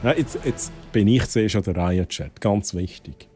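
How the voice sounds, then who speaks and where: A man's voice: on the low side, a little slow, warm tone, faint music behind. A young man from Switzerland with a Swiss German accent, chatting casually to his chat while gaming, often dropping English exclamations. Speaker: streamer.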